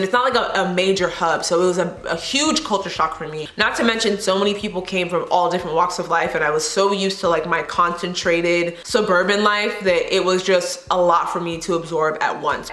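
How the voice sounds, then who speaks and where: A woman's voice: fairly low pitch, fairly bright tone. A woman in her twenties telling stories in a casual, chatty vlog style, with a slight lisp from wearing retainers. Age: 20s. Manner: chatty, frequent "like" and quoted asides. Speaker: vlogger. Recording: roomy, echoey sound.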